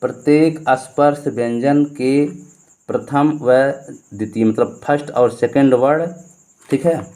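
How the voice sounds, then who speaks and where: A man from India teaches an exam-prep grammar lesson. His voice is mellow and warm-toned, sitting at an ordinary middle pitch. He drills by asking questions and answering them himself. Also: unhurried.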